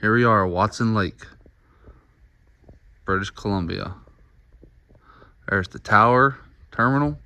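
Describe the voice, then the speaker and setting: A man's voice: lowish voice, takes it slowly, long pauses, sharp tone, no room sound. A man filming a trip as a travel companion, giving short on-the-spot commentary in clipped phrases. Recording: clear engine and vehicle noise. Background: vehicle and engine noise.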